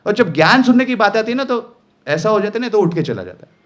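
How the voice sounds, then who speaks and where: Animated high-voiced male voice trainer. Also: quick pace. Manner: animated, emphatic, playful teaching. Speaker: voice-over trainer. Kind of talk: live workshop lesson.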